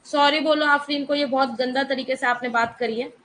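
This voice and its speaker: A woman's voice: high voice, fairly even intonation, brisk, fairly bright tone, slight background noise, low-quality recording. A woman teaching an online economics class, mixing in English terms and firmly scolding students in the chat. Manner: mixes Hindi with English terms.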